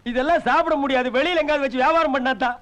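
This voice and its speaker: An actor playing a sarcastic middle-aged village man who fires off quick mocking retorts in a film comedy scene. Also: very high voice, steady tone, a bit bright. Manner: rapid scolding wisecracks. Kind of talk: 1990s film comedy dialogue.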